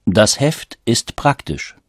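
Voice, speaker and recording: Slow, husky male word reader. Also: mid-range voice, very animated, no echo, studio quality. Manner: slow, clear pronunciation. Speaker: vocabulary reader. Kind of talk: scripted reading. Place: studio.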